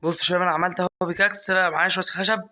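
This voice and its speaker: A young Egyptian gaming YouTuber with an Egyptian Arabic accent gives casual gameplay commentary in a quick, slightly high voice. Chatty and exasperated, he coaxes and scolds his in-game pet, flaring into excited yelps.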